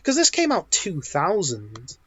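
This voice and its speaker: A man's voice: a little high, huge pitch swings, unhurried, pushed and bright, slightly rough. A man co-hosting a podcast in casual chat, rambling and restarting his sentences often. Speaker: podcast co-host.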